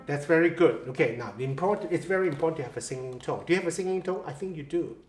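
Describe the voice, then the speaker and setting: Patient piano teacher, slightly high voice. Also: male voice, expressive, rapid-fire. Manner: patient, repeats "okay?", counts beats aloud. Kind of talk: one-on-one music lesson. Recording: roomy echo with faint piano.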